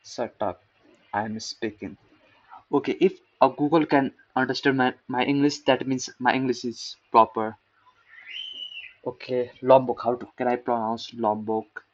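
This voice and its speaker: A man's voice: medium pitch, little pitch movement, moderate pace, muffled recording. A man talking casually through a programming article, rambling, making fun of himself and repeating words to practice saying them. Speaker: programmer reading a tech post. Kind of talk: casual screen-recorded coding talk.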